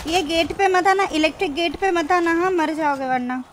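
A woman's voice: extremely high pitch, moderate pace, a little hiss or hum. A woman giving frantic commentary while playing a zombie shooter, exasperated, swearing often and pleading with her teammates. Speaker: mobile game streamer.

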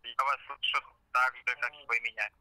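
A man's voice: medium pitch, fairly even intonation, moderate pace, bright, forceful tone, rough recording. A man calling as a phone operator, talking in formal, bureaucratic phrases, heard over a glitchy line that keeps breaking up. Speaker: caller posing as phone operator. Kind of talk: scripted phone call.

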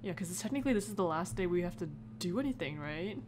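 A woman talks fast and animatedly in a fairly low voice as she narrates a playthrough. Her commentary is casual and reactive, mixing game text read aloud with informal side remarks, against heavy background noise and clicks.

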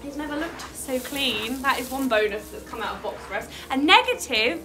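A woman's voice: sits high, lively intonation, moderate pace, background noise. A woman chatting casually to camera in a horse vlog, upbeat and talkative, also chatting to her horse. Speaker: horse vlogger. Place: kitchen, car, then horse stable.

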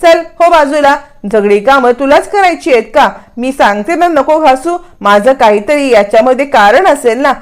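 A woman's voice: high-pitched, animated, normal speed, hardly any pauses. A woman voicing a stern, bossy mother-in-law. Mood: scolding. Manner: scolding, bossy.

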